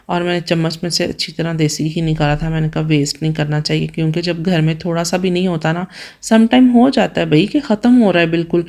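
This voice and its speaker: Pakistani punjabi-accented woman, hoarse and worn out, lowish voice, chatty vlog voiceover, talks right to viewers. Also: a little mellow. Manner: chatty, addresses viewers directly, asks their opinion. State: hoarse, tired from fasting. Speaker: vlogger. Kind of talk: casual home vlog voice-over. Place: home in Germany, voice-over.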